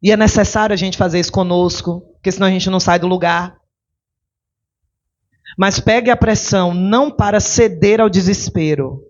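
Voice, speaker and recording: A woman's voice: medium pitch, moderate pace. A woman pastor, preaching animatedly and firing rhetorical questions at the congregation. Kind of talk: sermon. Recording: dull lo-fi recording.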